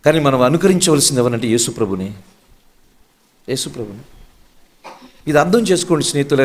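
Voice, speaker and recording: A pastor preaching a sermon, firing rhetorical questions and slipping in English phrases. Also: male voice, mid-range voice, a little mellow.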